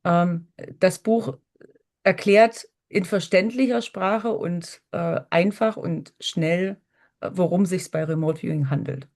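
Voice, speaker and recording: A woman's voice: lowish voice, slow, a little mellow. A woman co-presenting, giving informal explanations in a presentation.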